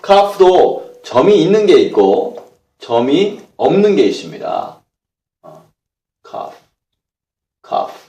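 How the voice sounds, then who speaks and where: A man teaching a language class, explaining patiently step by step and pausing as he writes letters on a board. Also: mid-range voice, darkish tone. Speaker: Hebrew language instructor. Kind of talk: classroom lecture. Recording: echoey room, voice a bit far from the mic.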